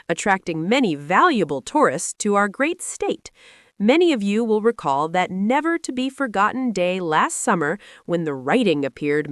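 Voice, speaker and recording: A woman voicing a pompous, grandiose fairground loudspeaker announcer in a storybook, with declamatory delivery. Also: medium pitch, no room sound, studio quality, close to an everyday voice. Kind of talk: storybook character reading.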